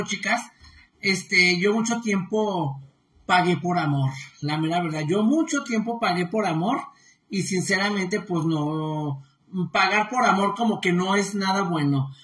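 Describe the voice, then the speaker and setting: A bright, forceful woman chats on a live stream, warmly greeting viewers and reading their comments aloud with plenty of filler words. Her voice rings through a roomy, echoey space. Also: mid-range voice. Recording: roomy echo.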